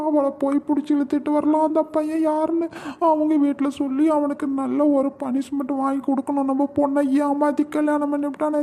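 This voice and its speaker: A performer voicing a grieving middle-aged father in a cartoon drama who laments in a sobbing voice. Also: warm tone. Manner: sobbing, lamenting, creaky high voice.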